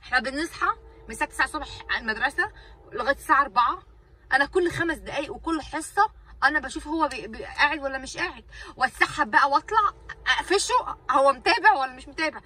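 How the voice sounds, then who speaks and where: A woman's voice: high-pitched, animated, rapid-fire, bright, forceful tone, distant mic, poor audio. A woman with an Egyptian Arabic accent, a mother and vlogger venting casually to her viewers in an exasperated, ranting way, repeating herself for emphasis.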